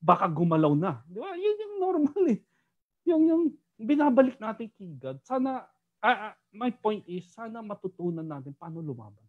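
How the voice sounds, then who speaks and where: Animated Filipino-accented Bible teacher, muffled audio. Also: mid-range voice, normal speed. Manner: animated, keeps asking "di ba?". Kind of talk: Taglish Bible study teaching.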